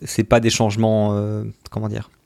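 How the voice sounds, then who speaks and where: A man's voice: fairly low pitch, completely flat delivery, normal speed, a little mellow, dry recording, studio quality. A man hosting a casual tech podcast, chatty and hesitant, with many fillers. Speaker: podcast host. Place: lives in Sweden.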